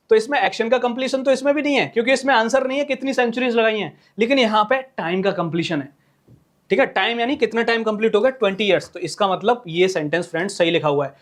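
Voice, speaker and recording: A male teacher walks through a grammar lesson at the board, repeating himself and checking in with his students after nearly every point. He slows down as he writes out example sentences and calls his viewers friends. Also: high-pitched. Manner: repetitive, checks in with "clear hai na?"; slows down while writing examples. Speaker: English teacher.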